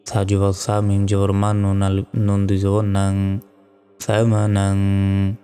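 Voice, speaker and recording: A man teaching Quran reading, spelling out the Arabic letter by letter in a slow, deliberate drill between drawn-out chanted recitations. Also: low-pitched, monotone, dark tone, clear, resonant tone. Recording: long hall reverb with faint music.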